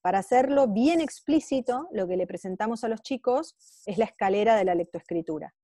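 A woman's voice: medium pitch, expressive, brisk, warm tone, dry recording, clean studio sound. A woman with a Rioplatense Spanish accent giving an online lecture on psychopedagogy, explaining step by step and stressing key phrases.

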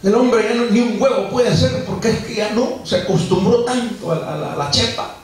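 Male pastor, repetitive preaching style, high voice, distant mic in a reverberant church. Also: a little fast. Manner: preachy, repetitive, addresses the congregation directly. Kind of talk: sermon. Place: church sanctuary. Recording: echoey church recorded from a distance.

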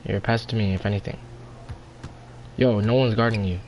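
A man's voice: lowish voice, steady tone, fairly quick, a little mellow, slight background noise, poor audio. A young man in casual online game chat, talking like a slangy frat bro and giving bossy, exasperated callouts to his teammates. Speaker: online basketball gamer.

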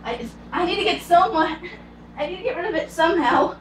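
A woman playing a hot-tempered, foul-mouthed young Italian man in an amateur cosplay comedy skit, snapping in loud outbursts, filmed by a far camera in a home kitchen. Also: very high-pitched, fairly quick, echoey room, slight background noise. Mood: irritable. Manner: swears and snaps in loud outbursts.

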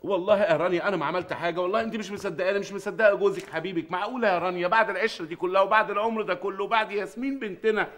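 A flustered Egyptian shopkeeper husband. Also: male voice, high-pitched, rapid-fire, few pauses, fairly bright tone. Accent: Egyptian Arabic. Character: harried middle-aged husband, shop owner. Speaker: shop owner in a sitcom. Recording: sitcom audio with studio audience laughter. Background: audience laughter.

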